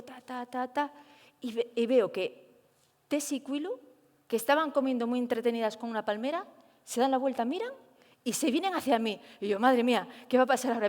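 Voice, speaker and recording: A woman's voice: on the high side, darkish tone, in a large hall. A young woman tells her own story in an interview, acting out her inner thoughts as she goes. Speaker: primatologist guest.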